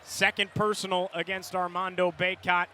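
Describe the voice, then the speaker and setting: With a voice that sits high and a normal speaking speed, an American man delivers live radio play-by-play of a basketball game from courtside in a big indoor arena. His clipped, energetic phrasing swells into excited calls on big plays, backed by loud arena noise and a bouncing basketball.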